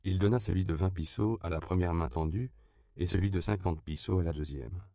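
A man narrates an audiobook in an even, measured reading. His voice is very low and gravelly with a rough fry. The recording is dry and close, with no room sound. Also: no room sound. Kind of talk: scripted narration.

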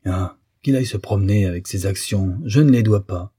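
A man's voice: on the low side, normal speed, dark tone, breathy edge, no echo. A man voicing a hesitant young man who argues with himself and justifies his choices. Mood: musing. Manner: inner musing, wavering.

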